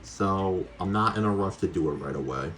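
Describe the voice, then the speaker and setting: A man's voice: low voice, animated, moderate pace, fairly bright tone, slight background noise. A man giving casual, chatty, rambling gameplay commentary as a streamer talking to his viewers. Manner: casually sweary. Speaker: video game streamer.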